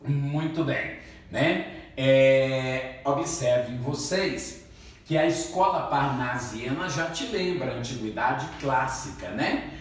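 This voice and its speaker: A man's voice: medium pitch, slow. A male literature teacher giving a classroom lecture, asking the class questions and then answering them himself, and calling his students "my children". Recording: very echoey room, voice from far off.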